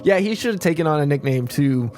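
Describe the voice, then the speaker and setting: A man's voice: on the high side, fast, soft background music. A man co-hosting a podcast, chatting casually, laughing often, and reading out story passages. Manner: laughs often, animated banter. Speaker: podcast co-host.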